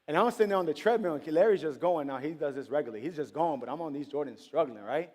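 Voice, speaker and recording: A man preaching a sermon in a casual, storytelling way, acting out conversations with sudden high-pitched exclamations. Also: lively intonation, fast, darkish tone.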